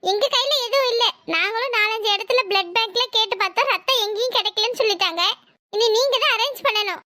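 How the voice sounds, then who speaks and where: A woman voicing a curt female hospital doctor in a cartoon, brisk and dismissive. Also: extremely high pitch, sharp tone, dry recording, clean studio sound. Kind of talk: cartoon voice acting.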